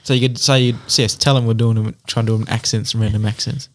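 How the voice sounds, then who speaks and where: A man in a relaxed podcast chat, with a mid-range voice of ordinary pitch. He laughs easily and pokes fun at himself. Nothing about his voice is showy. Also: quick pace, no echo. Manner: laughing, self-deprecating. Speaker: podcast co-host. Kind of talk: casual chat.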